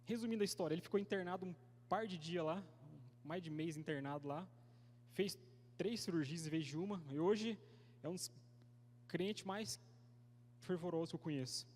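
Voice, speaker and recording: A man's voice: sits high, normal speed, pauses often, a little mellow. A young man with a Brazilian Portuguese accent preaching a sermon, telling a personal story in a slangy, conversational way. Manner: slangy and conversational, calls listeners "cara"; acts out quoted voices in his story. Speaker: youth pastor preacher. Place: church hall. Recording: reverberant church hall.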